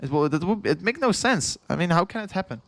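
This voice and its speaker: This young streamer from the Netherlands has a high, sing-song voice that's gravelly and a bit bright, and he talks fast in a Dutch accent on a dry, close recording. Worn out from hours of streaming, he rambles through casual chat, repeats himself, chuckles a lot and reads the chat out loud.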